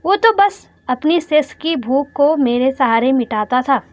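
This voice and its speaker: A woman's voice: sits high, expressive, a little slow, no room sound. A woman telling an emotional story in the first person, earnest and heartfelt.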